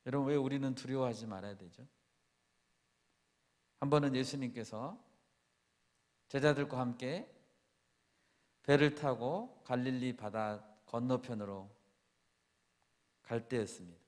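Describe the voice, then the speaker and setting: A man's voice: mid-range voice, unhurried, pauses often, darkish tone. A man preaching a sermon as a pastor, often asking his congregation questions and acting out quoted lines with rising intensity. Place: church sanctuary. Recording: long reverb of a church hall.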